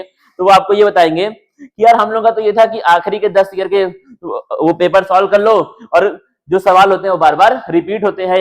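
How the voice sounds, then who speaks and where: A young man teaching board exam strategy in a casual, chatty way, slowly reading English lines off slides. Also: high-pitched. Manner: casual, addresses students as bhai and yaar.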